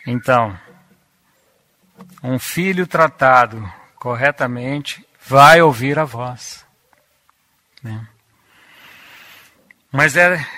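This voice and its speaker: A man preaching a Bible-teaching sermon, deliberate and repeating key words for emphasis. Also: medium pitch, pushed and bright.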